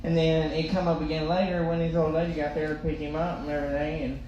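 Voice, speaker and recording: A man's voice: fairly high pitch, level tone, quick pace, dull audio. Toothless male stand-up comic in an echoey room. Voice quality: toothless, slightly slurred articulation. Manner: informal, self-deprecating, rambling delivery. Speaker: stand-up comedian. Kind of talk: stand-up comedy storytelling. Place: live comedy stage in a reverberant room. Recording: echoey room, loud background noise.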